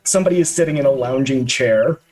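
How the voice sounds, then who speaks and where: Guy running a tabletop game, a bit husky, lots of uhs while he describes stuff. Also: mid-range voice, fast, a little mellow, soft background music, rough recording. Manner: descriptive, with frequent uhs and restarts. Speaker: game master.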